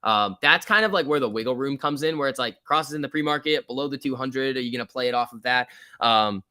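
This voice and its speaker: A man's voice: mid-range voice, a little fast, sharp tone, smooth, no echo, studio quality. A man hosting a live stock trading stream, chatting casually in slangy, chummy off-the-cuff commentary as he answers viewers. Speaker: stock trading livestream host.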